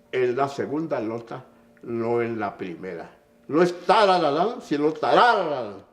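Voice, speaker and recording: An older man with a Mexican accent, a conductor telling stories and lecturing in an emphatic way, often checking in with a short "mm?". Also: a little high. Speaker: conductor and musician. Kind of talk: anecdotal storytelling in an interview.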